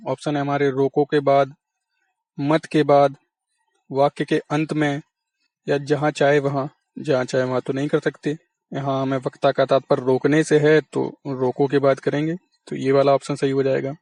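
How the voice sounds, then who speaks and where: A man's voice: a little high, darkish tone, dry recording. Patient male teacher, dry close sound. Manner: patient, asks and answers his own questions. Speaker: exam-prep teacher. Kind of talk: explanatory lesson.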